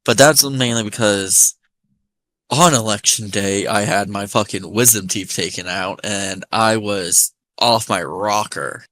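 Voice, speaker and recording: A man's voice: on the low side, a little slow, a bit bright, no room sound, rough recording. A man with an American accent touched with Appalachian, telling anecdotes in a sweary, rambling casual chat. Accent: American, slightly Appalachian.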